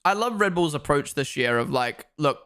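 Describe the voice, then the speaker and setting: A man's voice: a little high, animated, moderate pace, bright, forceful tone, clear, resonant tone. A young man from Australia and New Zealand hosting a live race watchalong, giving chatty, opinionated commentary and talking to his chat.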